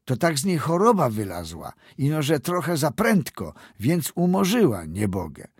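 Bossy old village wise woman for a storybook, put on by a male reader; commanding, husky edge, dry close sound. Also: fairly high pitch, huge pitch swings, normal speed, no room sound, pitched above the performer's own voice, full character voice. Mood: defensive. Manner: commanding, matter-of-fact.

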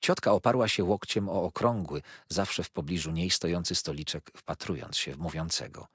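A man narrating a classic novel in an expressive, measured storytelling manner. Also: low-pitched, slightly rough, dry recording, clean studio sound. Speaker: audiobook narrator. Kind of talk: scripted literary narration.

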